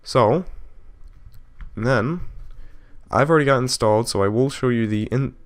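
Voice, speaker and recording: A video tutorial host walks through a piece of software step by step, explaining things informally and casually while correcting himself along the way. He has a mid-range voice and keeps a measured pace.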